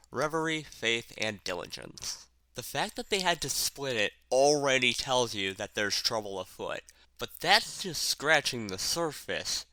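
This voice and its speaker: A man's voice: mid-range voice, bright, forceful tone, no room sound, low-quality recording. Lisping man with oddly placed emphasis. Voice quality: lisp. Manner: puts odd emphasis on random words; casual, profane, sardonic. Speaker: video narrator and reviewer. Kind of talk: casual scripted video essay commentary. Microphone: cheap headset mic.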